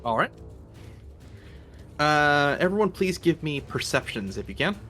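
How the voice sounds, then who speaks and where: A man running a tabletop game as game master, narrating and ruling in a relaxed, chatty way with many fillers. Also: fairly high pitch, unhurried, faint music behind.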